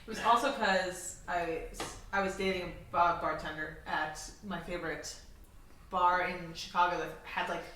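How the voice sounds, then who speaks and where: A woman's voice: on the low side, steady tone, normal speed, bright, forceful tone, recorded from a distance. A woman guest comedian telling a casual story on a podcast, with lots of "like". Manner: chatty, storytelling, fillers like "like". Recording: echoey room, off-mic, faint noise.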